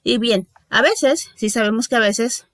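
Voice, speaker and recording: This is a woman teaching a recorded class. Her voice sits fairly high, and the sound is dry and close, with no room around it. She explains in a loose, conversational way, with fillers, restarts and tag questions aimed at her students. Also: a little slow, a bit bright, no room sound. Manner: conversational, many fillers and self-corrections; checks in with listeners with tag questions. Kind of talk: recorded online lecture.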